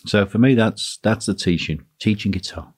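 Husky low-voiced man. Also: moderate pace. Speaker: podcast host, guitar teacher. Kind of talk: casual solo business talk.

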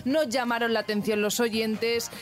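A woman's voice: a little high, fairly even intonation, unhurried. A woman leading a word game on a radio show, bossy and teasing. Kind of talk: playful studio banter. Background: music bed.

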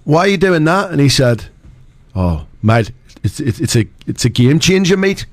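A man's voice: fairly high pitch, very animated, moderate pace. A man co-hosting breakfast radio, telling an anecdote in an easygoing way on a studio mic. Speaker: radio co-host.

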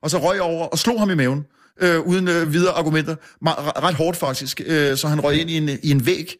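Man, guest editor, casual storytelling, fairly high voice, halting with fillers, self-deprecating chuckles. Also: fairly even intonation. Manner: halting, many restarts and fillers; chuckles often at himself.

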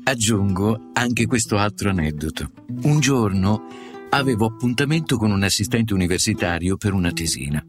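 A man's voice: fairly low pitch, lively intonation, normal speed. A man narrating a short story with a wry, ironic manner. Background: guitar music.

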